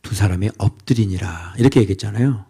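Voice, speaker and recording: A middle-aged man in the pulpit works through an expository sermon at a fast clip, his lowish voice slightly rough. He pelts the congregation with rhetorical questions, veering from loud scolding to something close to a whisper.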